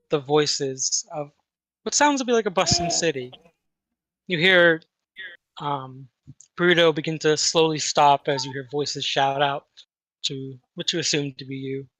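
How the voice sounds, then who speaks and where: Bright-voiced male game master. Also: a little high, dry recording, poor audio. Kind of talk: improvised tabletop game narration.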